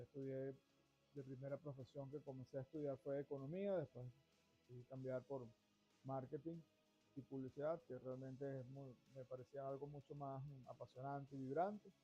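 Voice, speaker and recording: A middle-aged Venezuelan man hosts a finance show, delivering a long, discursive monologue to camera and often restarting his phrases. His warm, mid-range voice keeps a fairly even intonation at normal speed. The recording sounds dull and lo-fi, with faint music behind him.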